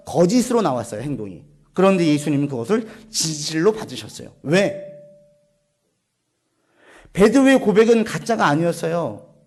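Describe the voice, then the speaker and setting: Male pastor, sermon delivery, high-pitched, asks and answers his own questions, softens and lowers his voice to stress key lines. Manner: asks the congregation questions and answers them himself; drops to a soft, low voice to stress key points. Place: church sanctuary.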